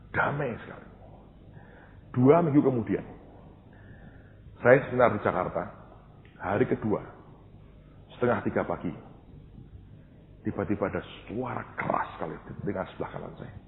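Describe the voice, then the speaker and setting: A male pastor preaching a storytelling sermon, acting out dialogue and swinging from loud to hushed. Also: lowish voice, a little hiss or hum. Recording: tinny phone-like sound, long hall reverb.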